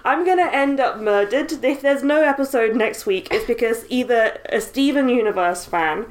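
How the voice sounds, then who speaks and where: A woman's voice: fairly high pitch, normal speed. A British woman co-hosting a podcast in casual chat, joking and often laughing. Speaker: podcast co-host.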